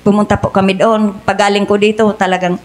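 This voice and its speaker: A woman's voice: medium pitch, flat delivery, fast talker. A middle-aged woman giving an earnest church testimony in a church, calling her listeners beloved again and again. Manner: earnest, addresses the congregation as "mga minamahal" again and again.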